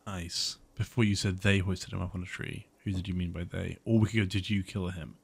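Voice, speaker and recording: A man hosting a relaxed playthrough of a video game, thinking aloud and laughing often. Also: deep voice, a little fast, creaky, breathy edge. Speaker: gaming channel host. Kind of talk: casual game commentary. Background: loud game music.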